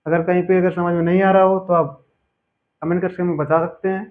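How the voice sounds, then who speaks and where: A man teaching a spelling lesson, patiently repeating each word slowly for his students. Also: sits high, flat delivery. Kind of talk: spelling lesson over a board. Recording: tinny phone-like audio.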